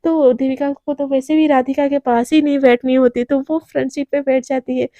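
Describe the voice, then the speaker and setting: A woman's voice: high voice, steady tone, brisk, warm tone, dry recording. A woman narrating a romance story in a chatty, breathless retelling.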